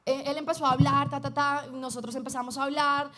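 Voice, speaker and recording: High-voiced woman pastor preaching a lively sermon. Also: brisk. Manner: lively storytelling, asks the congregation for responses.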